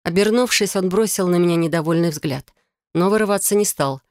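A woman's voice: on the low side, a little fast, a little mellow, dry recording, clean studio sound. A woman narrating a novel in the first person, intimate and confessional. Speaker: audiobook narrator.

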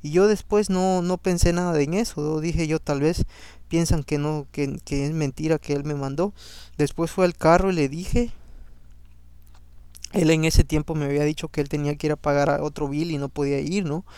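A man whose first language is Spanish hosts a Bible reading podcast, reading scripture and adding his own commentary conversationally. His voice is fairly high, steady, slightly mellow and clean, at normal speed with no room sound. He keeps tacking on a questioning "no?", with frequent fillers and restarts.

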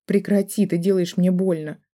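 A tearful, defiant young woman as a man puts her on in an audiobook, snapping back in a raised, strained voice. Her tone sits dark and mellow despite the lifted pitch. The delivery is shrill and hurt. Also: steady tone, normal speed. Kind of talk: audiobook character voice.

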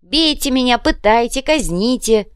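A woman's voice: mid-range voice, lively intonation, normal speed, darkish tone, dry recording, clean studio sound, lightly acted. A woman reading an audiobook voices a nervous, evasive male prisoner who pleads and stammers. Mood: pleading.

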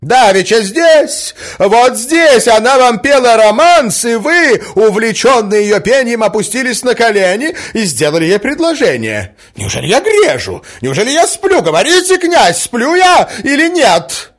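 Hectoring middle-aged woman as a man puts her on, shrieking, storybook reading, soaring pitch. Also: big pitch swings, rapid-fire, few pauses, pushed and bright, heavily acted. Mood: indignant. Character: shrill indignant provincial matron, middle-aged woman. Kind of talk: audiobook character reading.

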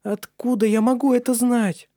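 A man's voice: very high voice, steady tone, normal speed, dark tone, no echo, clean studio sound, voice pushed up. A man voicing an anxious, tender young woman in love, with trembling pleas, in an audiobook. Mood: pleading.

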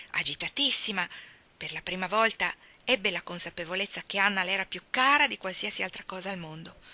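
Female audiobook narrator, expressive and measured, very bright tone. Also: fairly low pitch. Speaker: reader.

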